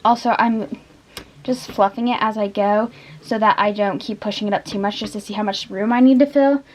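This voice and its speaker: Stuffed up from allergies, this young woman speaks at a normal speed in a medium-pitched voice with fairly even intonation. She shows a craft step by step in a casual tutorial, chatting and rambling off-topic, with slight background noise.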